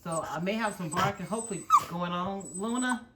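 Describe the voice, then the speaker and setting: Heavy background noise fills this casual home cooking demo, where a middle-aged woman with a mid-range voice speaks fairly quickly. After firmly telling her nearby dogs to stop barking, she explains each step simply in her kitchen.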